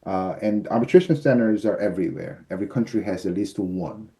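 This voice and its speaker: Speaking through a webcam on a video call, an American arbitrator and mediator in his fifties patiently explains legal procedure in interview answers. His voice is deep, mellow, and very dark, his pace measured, and he often pauses on fillers. He sits indoors in an office with shelves.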